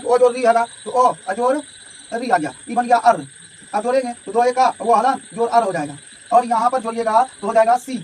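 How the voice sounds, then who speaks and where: A man teaching a grammar lesson, explaining step by step and often checking in his students. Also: extremely high pitch. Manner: explanatory, repeats "ठीक है" and addresses students directly. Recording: distant mic with faint background noise.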